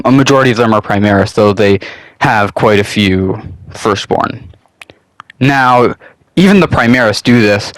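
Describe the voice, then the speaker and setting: Here a young man with a slight cold hosts his channel, sniffling as he rambles through a loosely scripted hobby topic and lets the odd swear word slip. His mid-range voice is clean and fairly bright. The recording is low-quality, with no room sound.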